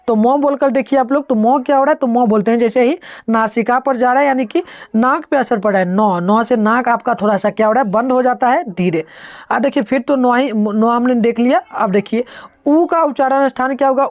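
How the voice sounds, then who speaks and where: Woman teacher, higher voice, dry close sound, patient step-by-step exam explainer. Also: a little mellow, no room sound. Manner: explains step by step, has students try sounds aloud. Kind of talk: online exam-answer lesson.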